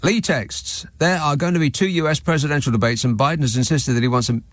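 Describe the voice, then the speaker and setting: A man's voice: fairly high pitch, fast talker, dry recording. A man hosting a radio phone-in in a wry, sardonic, mock-authoritative way, bantering comically. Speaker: radio talk show host. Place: radio studio. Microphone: close studio microphone.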